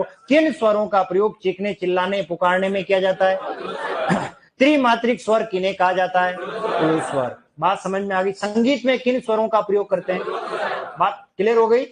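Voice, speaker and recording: A man teaching a classroom lecture, lively and questioning, stretching and singing out examples for his students. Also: high voice.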